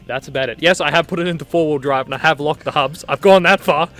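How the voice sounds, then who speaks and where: A man's voice: a little high, fast, fairly bright tone, faint music behind. A young Australian man chatting casually to camera outdoors. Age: young adult. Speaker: novice off-road driver being interviewed. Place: outdoors on a forest track.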